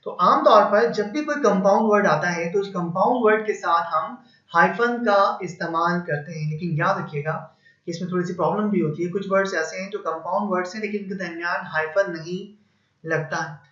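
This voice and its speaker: A man with a fairly high voice explains grammar slowly and patiently, building up each point with examples. His tinged colours the speech. The recording has a roomy echo and a somewhat dull, muffled sound. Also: sharp tone. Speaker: English teacher. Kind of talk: explanatory lesson. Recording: echoey room, slightly dull sound.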